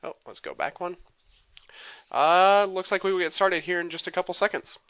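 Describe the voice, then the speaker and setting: An excited man pitching a business opportunity on a web presentation, rattling through his points quickly and eagerly. His voice sits a little high and sounds bright and crisp. The sound is dry and close. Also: dry recording. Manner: excited, fast-talking, salesy. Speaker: webinar presenter. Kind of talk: enthusiastic sales presentation.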